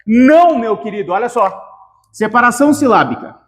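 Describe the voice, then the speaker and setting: A man teaching an exam-prep grammar lesson, lively and animated, talking straight to the student. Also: very high voice, moderate pace, big-room sound. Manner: lively, animated, calls viewers "meu querido".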